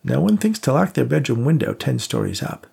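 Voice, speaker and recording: A man voicing a spiteful, murderous old woman with a shrill, scolding voice in an audiobook. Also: animated, a little fast, vocal fry, a little mellow, slightly rough, exaggerated voice. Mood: scornful.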